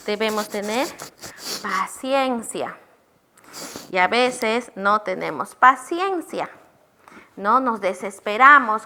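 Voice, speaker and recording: Teaching a church class about children's ministry, this middle-aged Peruvian woman speaks with a fairly high, bright, forceful tone over slight background noise. She calls her listeners brothers and earnestly answers her own questions.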